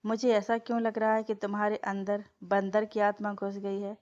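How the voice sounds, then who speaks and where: A woman's voice: mid-range voice, monotone, normal speed, a little mellow, lightly acted. A woman voicing a cocky, teasing young husband who talks smugly, in a storybook reading. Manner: smug, teasing. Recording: dull lo-fi dry recording.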